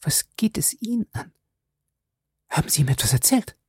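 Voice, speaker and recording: A man reading the part of a proud, wounded young woman who speaks in high, trembling reproaches. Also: lively intonation, moderate pace, a little mellow, slightly rough, no room sound, clean studio sound. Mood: alarmed.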